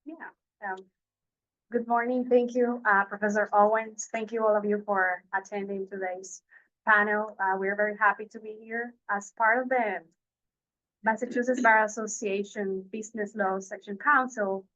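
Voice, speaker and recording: Woman opening a law panel, polite, measured, lots of ums, dull lo-fi sound. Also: mid-range voice, steady tone, fairly bright tone. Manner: polite and measured, with many fillers. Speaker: corporate law partner on a panel. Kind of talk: formal panel welcome. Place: law school lecture room. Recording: dull lo-fi recording.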